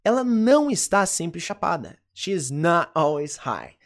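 Brazilian teacher repeating words slowly. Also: mid-range voice, sing-song. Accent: Brazilian Portuguese. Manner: slow careful repetition, frequent "ok?" check-ins. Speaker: English teacher. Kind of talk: online language lesson.

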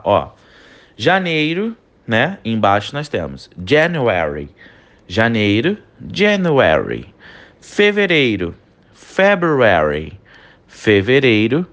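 Patient male teacher drilling words slowly. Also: mid-range voice. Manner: checks in often with short tags. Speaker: English teacher. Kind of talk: online language lesson.

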